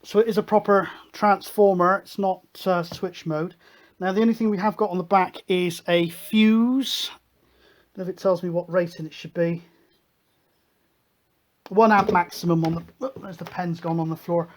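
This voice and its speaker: A man's voice: sits high, steady tone, normal speed. British guy doing a casual hands-on electronics demo, chatty and matter of fact. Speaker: host of a hobby electronics video show.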